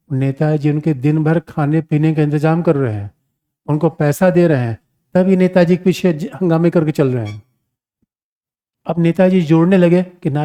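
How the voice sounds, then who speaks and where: A male teacher gives a lively exam-prep lecture with a warm, mellow voice. He talks to the class like a familiar elder, calling them his children and throwing rhetorical questions at them. His tone is conversational rather than formal. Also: a little high. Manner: animated, addresses students as "my children", rhetorical questions.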